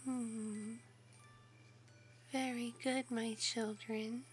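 A woman's voice: a little high, little pitch movement, very slow, soft background music. A woman whispering as a doting mother fox. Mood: tender. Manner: soft whispering, soothing and affectionate. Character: doting mother fox, female, adult, tender and protective. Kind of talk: ASMR roleplay, bedtime storytelling.

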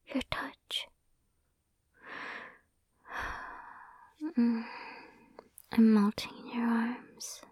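A young ASMR performer whispers intimately into a sensitive microphone held close, sounding sweet and affectionate. She talks slowly and evenly in a breathy, mellow voice that's a bit high. The recording is dry, with no echo and no room around it.

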